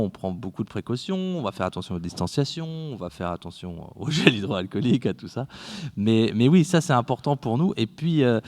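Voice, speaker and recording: A man's voice: on the low side, mellow. A man, a theatre company guest, talking in a casual interview with enthusiasm and frequent restarts.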